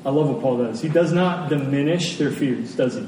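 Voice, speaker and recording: A man preaches a sermon to a congregation, speaking emphatically and repeating phrases for effect. His voice is medium-pitched with a dark tone at normal speed, captured by a distant mic in a very echoey hall with faint noise.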